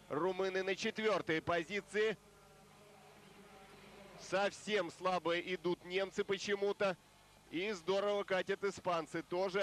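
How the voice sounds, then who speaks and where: A male sports commentator giving live race commentary, measured and explanatory at first and pressing harder as the boats near the finish. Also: high voice, a bit bright, a little hiss or hum.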